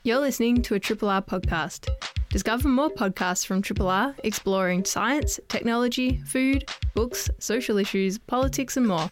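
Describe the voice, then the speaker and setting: A woman reads a short radio station promo in an upbeat announcing manner. Loud music plays beneath her voice throughout. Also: on the high side, moderate pace.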